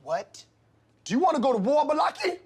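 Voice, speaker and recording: A man playing a stern, middle-aged substitute teacher in a comedy sketch, flustered, confrontational and easily enraged, with a husky, rough voice. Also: extremely high pitch, big pitch swings, normal speed, full character voice. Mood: flustered fury. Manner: flustered, confrontational, mispronounces names with menacing insistence.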